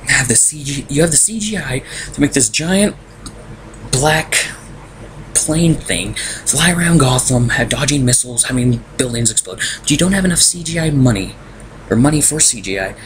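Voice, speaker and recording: A man's voice: medium pitch, low-quality recording. Young guy venting about a movie at home, exasperated, hiss in the background. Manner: exasperated, ranting. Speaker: film reviewer. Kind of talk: casual film review rant. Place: room at home. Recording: noticeable background noise.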